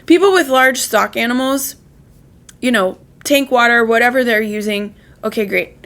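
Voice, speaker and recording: A woman's voice: on the high side, moderate pace, a bit bright. A woman, a holistic chiropractor and pet health coach hosting a show, giving casual advice in an earnest, chatty way with frequent "right?" asides.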